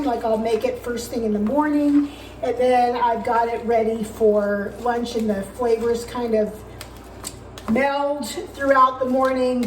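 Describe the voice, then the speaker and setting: Casual female vlogger, slightly high voice, rambling home-kitchen chat with a faint hiss behind. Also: darkish tone, rough recording. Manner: chatty, loose with frequent ums.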